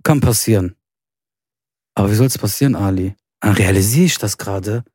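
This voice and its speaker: Animated young man telling a spooky story. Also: fairly low pitch, normal speed, dry recording, studio quality. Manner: animated, swears oaths, acts out quoted voices. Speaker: podcast host. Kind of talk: casual storytelling chat.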